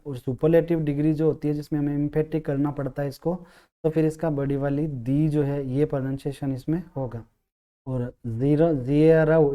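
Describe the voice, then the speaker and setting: A man teaching an English grammar lesson, explaining step by step, asking himself questions and sounding out syllables slowly. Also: fairly high pitch, mellow, clear, resonant tone.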